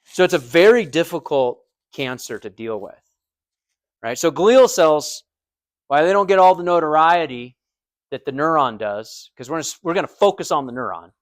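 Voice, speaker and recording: In this recorded lecture, an American-accented man teaches anatomy and physiology conversationally, drawing on everyday comparisons and checking on his students. His voice sits a little high, with lively intonation at a normal speed. There's no room sound.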